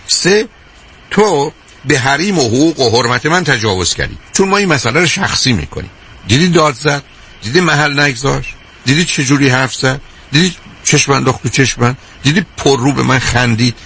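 Husky man counting off numbered points. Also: mid-range voice, fairly bright tone. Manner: counts off numbered points and acts out angry inner voices. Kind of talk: explanatory talk on a show.

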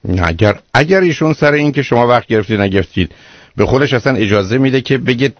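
A man's voice: animated, no echo. A man hosting a radio call-in show as a psychologist, giving blunt, lecturing advice to a caller. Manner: blunt, lecturing, rises in pitch when exasperated. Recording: muffled radio broadcast, dry studio.

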